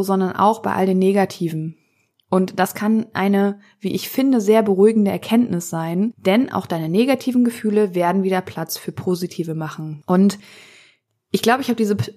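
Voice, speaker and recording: Calm woman podcast host. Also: mid-range voice. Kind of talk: podcast monologue.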